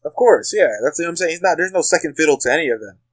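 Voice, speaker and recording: A man's voice: on the high side, lively intonation, racing. A man co-hosting a football podcast, chatting casually and insistently repeating his point. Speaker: podcast co-host.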